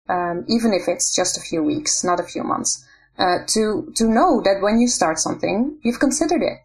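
Woman from the Netherlands, podcast guest, casual interview chat, thoughtful and steady. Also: mid-range voice. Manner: thoughtful, steady, with soft fillers.

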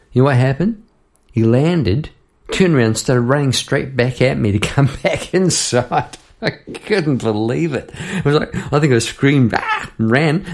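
Gravelly New man spinning a yarn. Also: medium pitch, a little mellow. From New Zealand. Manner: chatty, rambling, laughs between lines. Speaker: podcast host and songwriter. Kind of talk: casual storytelling monologue.

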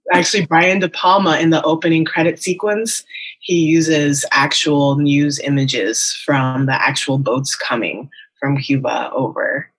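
Husky and low-pitched, a young woman speaks unhurriedly with fairly even intonation. She writes and teaches, comes from Las Vegas and Miami in the US, and is being interviewed on a relaxed podcast, where she is candid and reflective and says um and like a lot.

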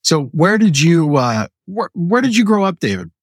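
A man co-hosting a podcast, making relaxed, chatty announcements and asking questions. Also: on the high side, normal speed, no echo. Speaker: podcast co-host. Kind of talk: casual show chat.

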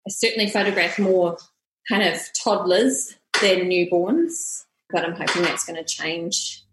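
A woman's voice: lowish voice, steady tone, unhurried, noisy background. A middle-aged woman speaks with a broad Kiwi accent in a conversational interview style. She sounds like a podcast guest, recorded in a roomy, echoey space. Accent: broad New Zealand (Kiwi). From New Zealand. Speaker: podcast guest, family portrait photographer. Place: room, standing with baby in arms.

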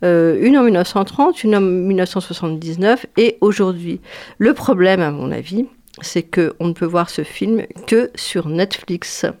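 A woman with a slightly low voice gives a film column in a radio studio. She talks in a chatty, hesitant way and often pauses on fillers. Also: animated, a little mellow.

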